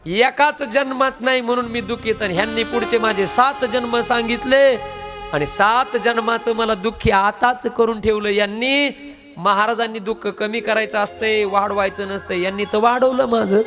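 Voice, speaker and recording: A man's voice: high voice, fairly even intonation, moderate pace, music in the background. A man preaching a devotional story sermon to a live gathering. He speaks emphatically, quizzes the audience and asks them to answer aloud. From Beed, Maharashtra. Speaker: Bhagavat katha preacher. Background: musical instrument accompaniment.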